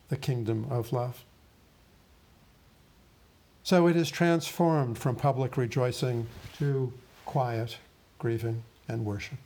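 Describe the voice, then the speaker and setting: A man preaches a sermon, slow and solemn. He takes his time over each phrase and pauses gravely, at an even middle pitch.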